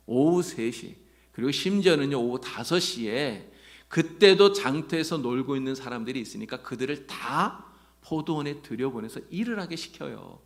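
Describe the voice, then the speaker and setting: A man's voice: medium pitch, creaky. A male pastor preaching a sermon, telling parables and asking the congregation rhetorical questions.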